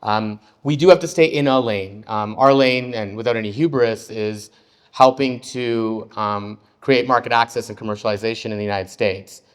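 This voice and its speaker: A man's voice: on the low side, normal speed, clean tone. Easygoing Canadian man, panel investor. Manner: relaxed, frequent ums. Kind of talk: panel discussion answer.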